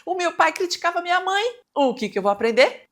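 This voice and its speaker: A woman giving a lesson on behavior, expressive and speaking straight to the listener with rhetorical questions. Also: very high voice, fast talker. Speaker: teacher. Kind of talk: recorded lecture on behavior.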